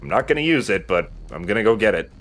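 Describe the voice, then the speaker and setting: This let's play host talks fast in a sing-song way, his fairly low voice carrying a fairly bright tone. He keeps up joking, rambling gameplay chatter over video game music.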